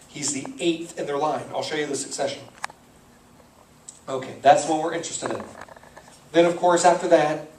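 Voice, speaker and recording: A male pastor gives a verse-by-verse Bible lesson in a loose, conversational way, pausing to work out names aloud. His voice sits a little high and sounds far from the mic, and the church hall around him rings with echo. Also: a little mellow, slight background noise. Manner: conversational, thinks aloud, self-correcting on names.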